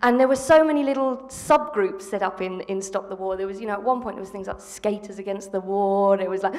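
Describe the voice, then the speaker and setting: A woman's voice: medium pitch, fairly quick, darkish tone. A woman in her thirties from England, a panel guest speaking earnestly into a handheld mic, with many ums and restarts. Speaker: panel guest, former school strike organiser. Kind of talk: live panel discussion. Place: theatre stage before an audience. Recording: long reverb of a theatre hall.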